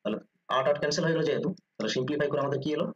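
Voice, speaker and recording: Male math tutor, Bengali accent, rapid delivery, keeps checking understanding; muffled lo-fi sound. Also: fairly high pitch. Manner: quick, repeats "ঠিক আছে?" checks, explains step by step. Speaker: teacher. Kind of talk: exam-prep math lesson.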